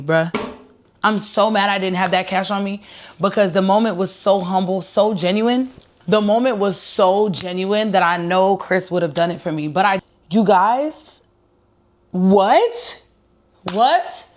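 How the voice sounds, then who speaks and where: A woman singer and rapper telling viewers a personal story in a casual vlog, earnest and emotional, speaking straight to her audience. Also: medium pitch. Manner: excited at first, quieter and heartfelt later.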